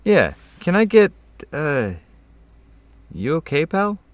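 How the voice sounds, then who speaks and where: A man's voice: a little high, very animated, slow pace, no echo, pitched above the performer's own voice. A man voicing a stout, friendly male customer at a convenience store, folksy and concerned, calling people pal.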